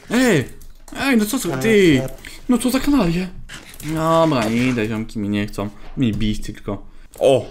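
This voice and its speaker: Excitable man with a lively voice. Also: on the high side, measured pace, over music. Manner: excitable, exclaims and laughs often; jokey, teasing other players. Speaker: gaming YouTuber. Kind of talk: Minecraft let's play commentary.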